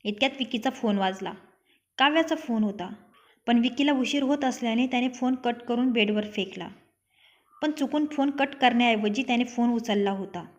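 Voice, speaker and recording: A woman's voice: fairly high pitch, moderate pace, muffled recording. A young woman narrating her own written love story, reading every character's lines herself.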